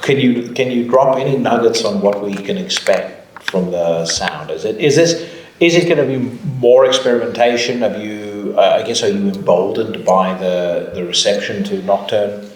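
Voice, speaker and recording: A South African man is asking a band questions at a live festival talk, casual and a little cheeky. His voice sits a bit low, and the room gives it a noticeable echo. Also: moderate pace, hardly any pauses, slight background noise. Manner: chatty, joking, swears casually. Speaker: interviewer. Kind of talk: casual panel interview.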